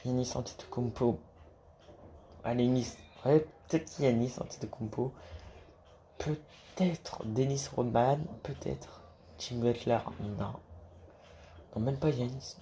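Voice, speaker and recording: A man's voice: mid-range voice, takes it slowly, pauses often, mellow, slight background noise. A man talking casually to camera about basketball, rambling with many restarts and casual swearing. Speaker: basketball YouTuber.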